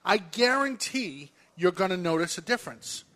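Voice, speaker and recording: A man's voice: sits high, lively intonation, normal speed, a bit bright. A man hosting a casual radio chat show, arguing his point emphatically and teasing his co-host.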